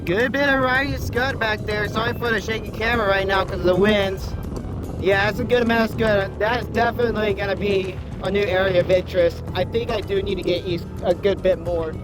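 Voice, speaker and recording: Man, high voice, excited storm-chase commentary, urgent repeated exclamations, windy phone recording, loud background music. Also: brisk, rough recording. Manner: urgent, repetitive exclamations, says dude often. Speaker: storm chaser filming a vlog. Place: roadside and in a car during a storm. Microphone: handheld phone close to the face.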